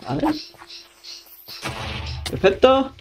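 Excitable Spanish woman gaming YouTuber. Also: high voice, drawn-out words. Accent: Spain Spanish. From Spain. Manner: chatty, excitable, talks to viewers, hums and sings along. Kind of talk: Minecraft let's-play commentary.

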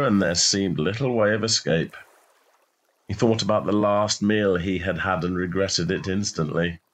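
A low-voiced man narrates a short story of literary fiction. His reading is scripted and measured, with expressive phrasing throughout.

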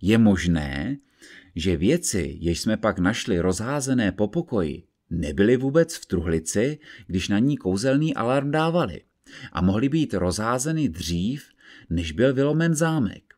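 Man doing a calm investigator, methodical, lower voiced, audiobook character. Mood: measured. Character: calm, reasoning male investigator, measured.

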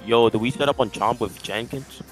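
A man's voice: mid-range voice, fairly quick, soft background music, poor audio. A man chatting casually while playing a game together, his microphone cutting out so his volume keeps dipping and jumping. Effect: mic cutting out, uneven volume. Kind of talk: casual gaming chat.

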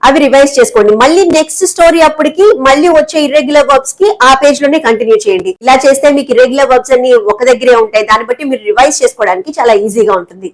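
A woman teaching an English lesson in Telugu, explaining words and repeating key terms slowly. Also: high-pitched, rough recording.

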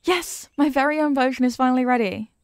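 Excited, a young apprentice witch voiced by a woman chats with the listener at a slightly quick pace in this scripted ASMR character roleplay. The voice sits high and comes across eager, expressive, warm and playfully teasing. Miked close and dry, it carries no room sound at all.

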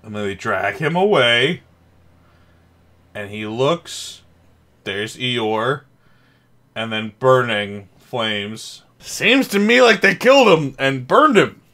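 A man's voice: mid-range voice, lively intonation, slow, long pauses, sharp tone. A man in his thirties reacting to and reviewing a film casually, tipsy, sarcastic and prone to swearing. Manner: tipsy, as if drinking while talking. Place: small home room, desk setup.

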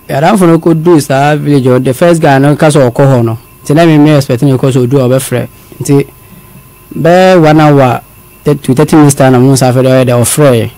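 A man from Ghana telling his story as a guest, halting and repeating words, mixing in English phrases. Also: mid-range voice, warm tone. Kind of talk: confessional storytelling.

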